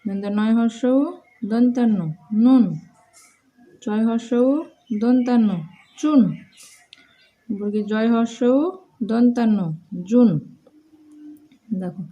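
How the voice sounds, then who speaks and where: Slow, mellow-voiced woman teaching children. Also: fairly high pitch, steady tone, lo-fi sound. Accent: Bengali. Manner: slow, sing-song spelling out of letters and words. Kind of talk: children's spelling lesson.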